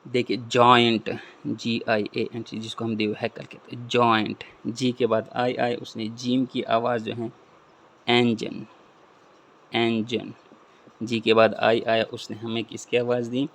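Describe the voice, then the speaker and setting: Gravelly flat-voiced man teaching phonics. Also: mid-range voice. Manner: repeats example words and asks questions he answers himself. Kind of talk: classroom-style explanation.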